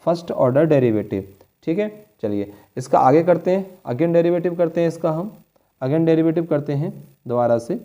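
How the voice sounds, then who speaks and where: Patient maths teacher, dark voice. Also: male voice, on the high side, animated, moderate pace. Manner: patient, repeats steps and checks in often; addresses students as children. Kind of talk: board exam maths lesson.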